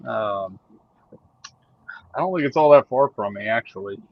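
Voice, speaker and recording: A man as a guest on a casual live show, answering in a relaxed, agreeable way. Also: fairly low pitch, moderate pace, lo-fi sound.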